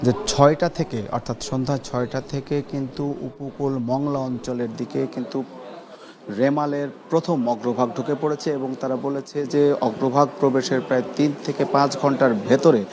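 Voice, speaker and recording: Male news correspondent, Bangladeshi accent, mid-range voice, wordy live update with clear chatter behind. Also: mid-range voice, fairly even intonation, normal speed. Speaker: special correspondent. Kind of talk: unscripted live news report.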